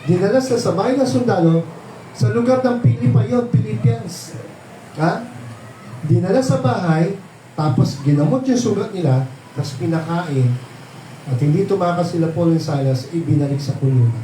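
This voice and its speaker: In a church hall, a man preaches a Bible sermon at a prayer meeting, explaining slowly and patiently, mixing in English phrases and often checking in with the congregation by asking "di ba?" His voice sits high with a dark tone, and the rough recording sounds roomy and distant from the mic, with slight background noise.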